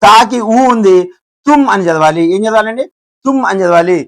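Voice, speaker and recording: A man's voice: high voice, expressive, brisk, a bit bright, no echo. A man with a Telugu accent teaching a lesson, who repeats each syllable and asks and answers his own questions. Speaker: Hindi teacher. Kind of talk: classroom lesson.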